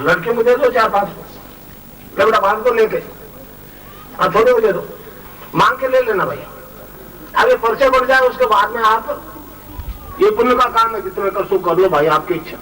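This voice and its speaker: A man's voice: high-pitched, a bit bright, a little hiss or hum, low-quality recording. A man, a guru giving a spiritual discourse and teaching a mantra in a colloquial, repetitive way that speaks straight to his listeners.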